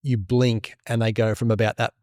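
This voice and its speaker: A man in his forties speaks in a fairly low voice, modest and halting, restarting his sentences as he talks. The recording is dry and close. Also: flat delivery, a little mellow, no echo. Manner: halting, self-deprecating, many restarts. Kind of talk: casual conversation.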